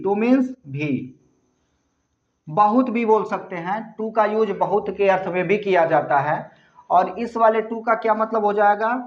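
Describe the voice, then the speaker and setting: A male English teacher with a high voice gives a slow classroom grammar lesson, spelling words letter by letter and repeating key answers. He poses questions to the children and answers them himself, in an echoey room with dull, lo-fi sound.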